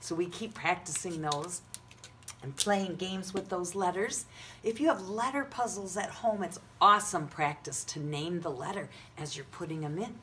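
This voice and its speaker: A woman's voice: on the low side, normal speed, fairly bright tone. A woman teaching preschoolers like a kids' show host, with sing-song delivery and simple repeated questions for young children. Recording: noticeable background noise.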